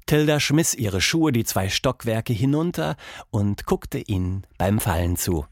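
A man narrating a children's story at a relaxed, unhurried pace. His pitch rises and falls expressively as he reads. The sound is dry and close to the microphone. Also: no echo. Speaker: storybook reader.

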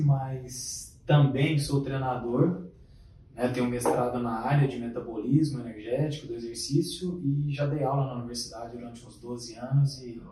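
A man who coaches runners, explaining himself in a relaxed way as a podcast guest. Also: medium pitch, recorded from a distance. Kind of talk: casual podcast chat. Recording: roomy echo, off-mic.

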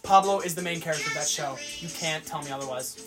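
A man's voice: on the high side, fast talker, over music. A young man in casual chat with friends, dry and sardonic, swearing freely.

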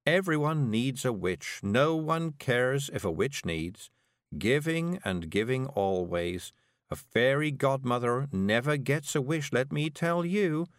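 A man voicing a frail, gentle woman witch who murmurs weakly and dreamily, in an audiobook. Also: mid-range voice, animated, takes it slowly, no echo, clean studio sound, pitched above the performer's own voice. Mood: weary. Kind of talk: audiobook character voice.

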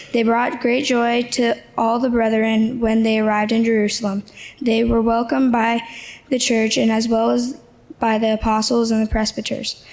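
A woman's voice: a little high, a little mellow, poor audio. A woman reading scripture aloud as a church lector, in a plain and formal way with the odd stumble.

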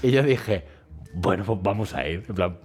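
A man's voice: sits low, moderate pace, slightly rough, soft background music. A man, co-hosting a casual chat podcast and telling a dream story, acting out the crowd's voices. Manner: animated storyteller, acts out crowds. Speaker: podcast co-host.

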